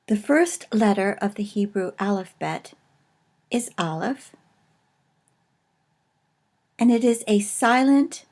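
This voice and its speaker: Slow, careful woman teaching a lesson. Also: medium pitch. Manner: slow, careful explanation with pauses. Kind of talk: recorded video lesson.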